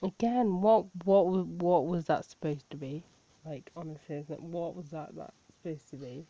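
A woman with a fairly low, mellow voice talks at a moderate pace, reacting to videos with blunt incredulity, cursing and laughing along the way. The recording is dry, dull and lo-fi, carrying faint noise.

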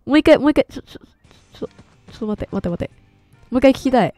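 A woman streamer doing loud, excitable let's play commentary into a close mic. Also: sits high, racing, no echo, faint music behind. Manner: excitable, loud, laughs often. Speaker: game streamer.

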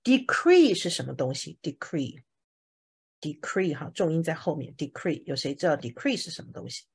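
Lively husky woman teaching a class. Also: low-pitched, fairly quick. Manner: lively questioning, checks for questions often. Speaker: English teacher. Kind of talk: classroom vocabulary lesson.

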